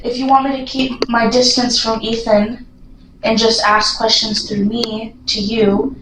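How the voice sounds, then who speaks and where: In an echoey castle room, a woman with a slightly high voice narrates her ghost-hunting vlog at a measured pace. She addresses a spirit with excitable, spontaneous questions and requests, rephrasing them often, and the recording has roomy echo and some background noise.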